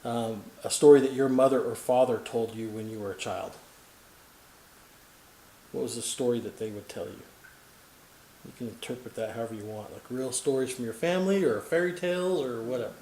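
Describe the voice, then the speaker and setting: A man's voice: medium pitch, brisk, mellow, roomy sound, a little hiss or hum, poor audio. A man hosting a casual family interview, asking rambling questions and cracking small jokes. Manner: chatty, joking, rambling questions. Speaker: host, grandson interviewer.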